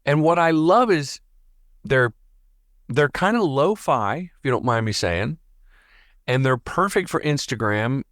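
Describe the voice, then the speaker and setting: Guy hosting a podcast, rambles a mile a minute, super animated voice, dead dry mic. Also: medium pitch, measured pace, pauses often, dry recording. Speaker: podcast host. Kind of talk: casual interview chat.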